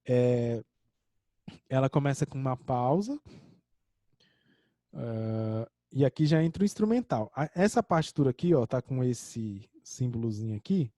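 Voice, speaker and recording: Dark-voiced Brazilian male music teacher. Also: medium pitch, animated, unhurried, no echo. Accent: Brazilian Portuguese. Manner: explains step by step, sings short examples. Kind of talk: online music theory lesson.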